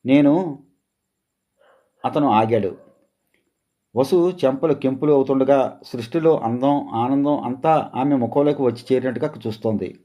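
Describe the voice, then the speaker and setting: Male storyteller, calm scripted narration, mellow tone. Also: mid-range voice.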